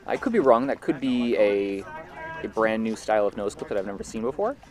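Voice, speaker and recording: A man's voice: on the low side, brisk, crowd noise. An American man doing live sports commentary, explaining at an easy pace with frequent fillers. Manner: explanatory, relaxed, many fillers.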